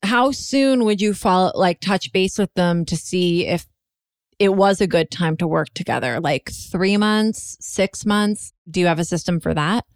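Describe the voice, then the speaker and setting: A woman co-hosting a podcast who asks her questions with eager enthusiasm. Her voice is smooth and fairly low. The recording is dry and close. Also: a little slow, no room sound. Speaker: podcast co-host. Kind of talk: casual podcast interview.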